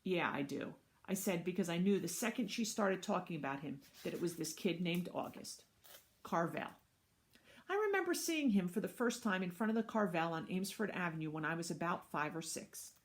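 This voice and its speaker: A woman teacher reading a children's chapter book aloud. Her voice sits somewhat low. She narrates expressively, like a storyteller. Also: lively intonation, brisk.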